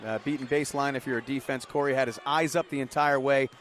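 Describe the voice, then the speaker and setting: This is a color analyst calling a basketball game live from an indoor arena, and game noise comes through the broadcast. His mid-range voice is quick, a bit bright, and fairly even in intonation. He dissects the plays in a chatty, colloquial style.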